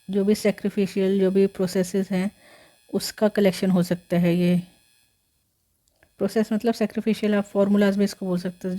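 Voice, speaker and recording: A woman with a warm, medium-pitched voice gives a history lesson as an explaining lecture. She goes step by step, uses many fillers, corrects herself, and mixes in English words.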